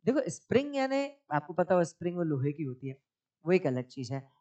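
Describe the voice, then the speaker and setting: A man's voice: on the high side, sing-song, fairly quick, darkish tone, lo-fi sound. A man teaching an English reading lesson in Hindi and English, explaining word meanings patiently and quizzing his listeners. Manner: patient, repeats words and asks quiz questions.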